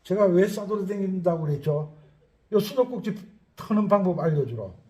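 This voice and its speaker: Male accordion teacher, rambling casual talk; high-pitched but warm, dark tone. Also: expressive, moderate pace. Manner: chatty, rambling, thinks aloud while listing places.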